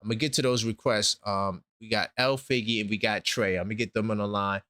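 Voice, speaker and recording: A man's voice: fairly low pitch, steady tone, quick pace, very noisy. A man in his forties hosting a sports talk show, emphatic and repeating his points. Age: 40s. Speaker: host.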